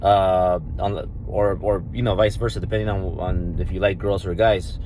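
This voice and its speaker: A man in his thirties, a native Spanish speaker with a Mexican accent, talks in a brash, swaggering vlog as a vlogger and entrepreneur, swearing and repeating himself in a casual, boastful way. His voice is low and a little mellow, with fairly even intonation at a normal speed. Slight background noise can be heard.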